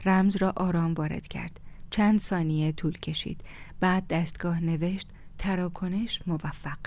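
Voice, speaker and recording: A woman narrating a story in a calm, measured way, often dropping close to a whisper. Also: lowish voice. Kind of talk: storybook reading.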